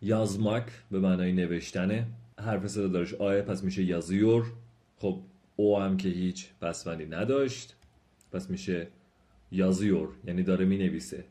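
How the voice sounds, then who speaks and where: Man, language teacher, low voice, mellow tone, patient, slow repeated examples, polite. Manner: explains patiently, repeats example sentences slowly; polite and formal toward the viewers. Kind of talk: spoken lesson.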